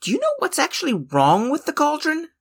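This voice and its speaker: A man's voice: very high voice, huge pitch swings, a little fast, exaggerated voice. A man voicing an impatient young apprentice who complains in an exasperated way, in an audio drama.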